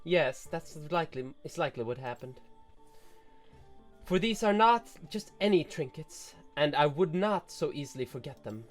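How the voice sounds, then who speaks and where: A haughty snake-woman noble with a tragic past, speaking slowly and solemnly, as a man reads her lines. The voice sits a little high. She stays aloof. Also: lively intonation, soft background music, natural voice. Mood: wistful. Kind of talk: reading game dialogue aloud.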